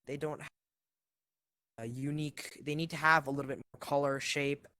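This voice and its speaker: A man's voice: a little high, fairly even intonation, moderate pace, pushed and bright, dry recording, clean studio sound. A man talking casually as a guest on an online voice call, hesitant and full of ums, with a choppy connection that keeps cutting in and out. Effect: choppy voice chat cutting in and out. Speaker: guest player on voice chat. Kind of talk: casual chat. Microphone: online voice chat.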